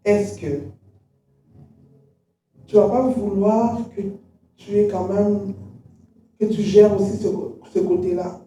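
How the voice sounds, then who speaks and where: A woman who grew up in Canada, talking in a measured, pausing way with gentle humor in a casual faith-based conversation. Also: medium pitch, fairly even intonation, distant mic. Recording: very echoey room, voice from afar.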